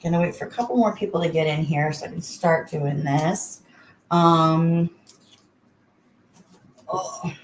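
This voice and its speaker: A woman with a fairly low voice hosts a casual livestream from an echoey bathroom. She talks in a chatty, informal way straight to her viewers, with noticeable noise behind her. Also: unhurried, long pauses. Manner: chatty, addresses viewers by name. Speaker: livestream host. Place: indoors, in a bathroom.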